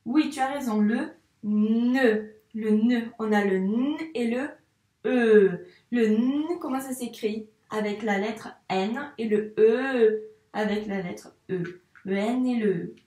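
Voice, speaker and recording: Speaking straight to the child, a female primary school teacher coaches handwriting with a slow, encouraging manner. Her fairly high voice has a warm tone. There's echo in the room, and she's a bit far from the mic.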